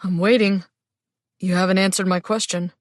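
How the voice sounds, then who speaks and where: A woman's voice: medium pitch, level tone, moderate pace, no echo, studio quality, close to an everyday voice. A woman narrator voicing a stern, teasing, dominant male werewolf shapeshifter in an audiobook. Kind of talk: audiobook character dialogue.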